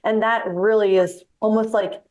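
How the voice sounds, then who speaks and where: A woman in her forties hosting a casual podcast interview. She asks long, winding questions and keeps nodding along with quick affirmations. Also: mid-range voice, steady tone, a little mellow. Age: 40s. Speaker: podcast host.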